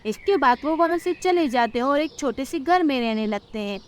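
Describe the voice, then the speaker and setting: A woman narrating a cartoon story in a steady storytelling manner. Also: high voice, moderate pace.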